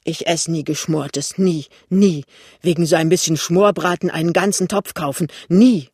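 Ein Mann liest einen verlegenen, hastigen jungen Ehemann in einem Hörbuch. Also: male voice, on the high side, fairly even intonation, a little mellow, slightly rough, no echo, clean studio sound. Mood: flustered. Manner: hurried, embarrassed. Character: flustered young husband, shy and hasty. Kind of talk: audiobook reading.

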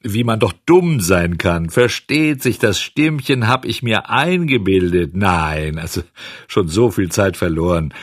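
Brief: male reader as a jittery old carpenter, blustery, low and husky. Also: expressive, a little slow, no room sound, clean studio sound. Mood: blustering. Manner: nervous bluster. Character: timid bristly-haired old male carpenter.

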